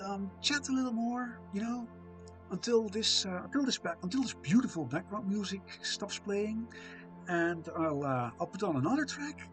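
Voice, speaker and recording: This is a high-pitched man on a live stream, chatting easily with viewers and reading chat out loud. His voice is gentle and calming, and he likes to poke fun at himself.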